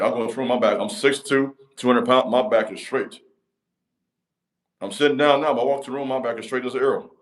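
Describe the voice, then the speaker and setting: A deep-voiced man who hosts a channel gives a motivational talk to camera, with an emphatic, repetitive cadence.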